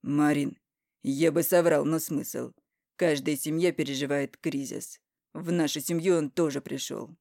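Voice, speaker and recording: A woman reading an audiobook voices a blunt, stubborn middle-aged husband with loud, curt retorts. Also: low-pitched, steady tone, unhurried, creaky, no echo, studio quality, pitched below the performer's own voice. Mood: gruff. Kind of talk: audiobook character voicing.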